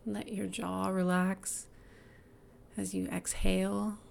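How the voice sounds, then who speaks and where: Woman, meditation guide, very slow, gravelly, gentle, faint background hiss. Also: medium pitch. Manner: calm, gentle, inviting, drifts into soft whispers. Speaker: guided exercise instructor.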